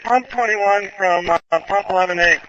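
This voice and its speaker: A man's voice: sits high, moderate pace. A man speaking as a firefighter in urgent, clipped radio reports with hesitations, over a two-way radio. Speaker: firefighter on an interior crew. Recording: dull, noisy two-way radio with clicks.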